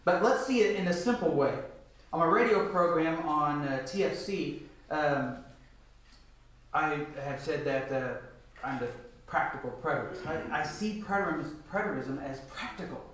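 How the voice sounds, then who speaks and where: A middle-aged man with a fairly high, slightly bright voice gives a Bible lecture at a moderate pace in a very echoey church meeting room, picked up from a distance. He often poses questions to his listeners and answers them himself.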